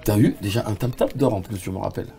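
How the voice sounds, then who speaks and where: A man's voice: on the low side, fast talker, gravelly, warm tone, husky. A man hosting an interview, asking familiar, probing questions. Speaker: interviewer host. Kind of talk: casual interview.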